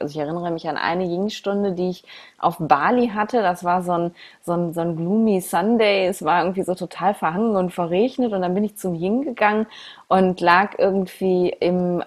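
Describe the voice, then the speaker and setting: A woman's voice: lowish voice, moderate pace. A woman hosting a podcast interview in casual, enthusiastic conversation. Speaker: podcast host, yoga teacher.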